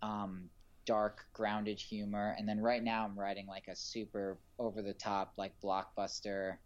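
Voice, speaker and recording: A man's voice: fairly low pitch, little pitch movement, a little slow, lo-fi sound. A man, a filmmaker, chatting casually in an interview, rambling with frequent restarts and fillers. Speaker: filmmaker guest.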